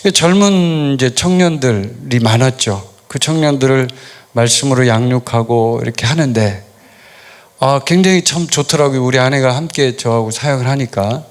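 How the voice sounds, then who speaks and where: A middle-aged man, a pastor, preaching a sermon in a relaxed storytelling way, asking questions and answering them himself. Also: medium pitch, moderate pace. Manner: storytelling, conversational, asks and answers his own questions. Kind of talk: sermon with personal stories.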